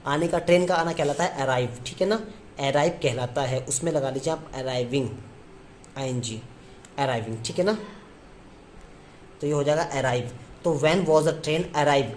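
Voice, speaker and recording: A man's voice: fairly high pitch, slight background noise. Male teacher drilling grammar step by step. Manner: repetitive question-and-answer teaching, slows down to spell out English phrases. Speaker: English teacher. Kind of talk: classroom lesson in Hindi.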